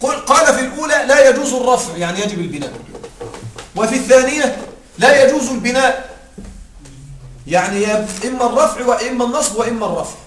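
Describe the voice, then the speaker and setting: A man teaching Arabic grammar in a classroom-style lecture, explaining each point step by step and often asking his students whether they follow, while reading quoted lines slowly and deliberately. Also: extremely high pitch, animated, fairly bright tone, slight background noise. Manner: explanatory, checks in with listeners often.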